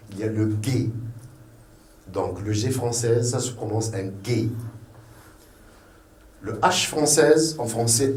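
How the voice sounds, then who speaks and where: Man, Tunisian French accent, teacher, very slow, patient, repetitive, echoey room, a bit distant from mic. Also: medium pitch, darkish tone. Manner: patient, repeats each letter slowly. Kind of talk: beginner language lesson.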